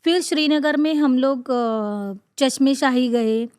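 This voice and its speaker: A woman podcast host tells her own story in an earnest, halting way, pausing often and filling gaps with short sounds. She repeats words for emphasis. Her voice sits a little high, and the recording is dry with no room sound. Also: a little mellow, clear, resonant tone, dry recording. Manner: halting, with frequent pauses and fillers. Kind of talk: personal storytelling.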